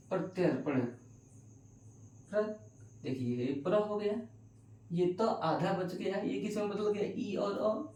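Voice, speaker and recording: Hindi teacher quizzing himself, echoey room. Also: male voice, fairly high pitch, warm tone. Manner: asks questions and answers them himself, repeats key words slowly. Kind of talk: exam-prep grammar lesson. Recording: echoey room, distant mic.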